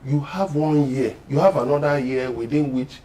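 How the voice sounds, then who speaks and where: On a political discussion panel, a guest with a Nigerian accent speaks at normal speed in a mellow voice on the high side, his manner emphatic and exhortative.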